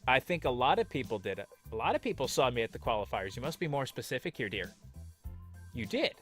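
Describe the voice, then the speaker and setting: A man's voice: medium pitch, big pitch swings, a little fast, soft background music. A man hosting a let's play, reading the game's text aloud and joking along with it in a playful, sarcastic way. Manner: playful and sarcastic, jumps into mock voices.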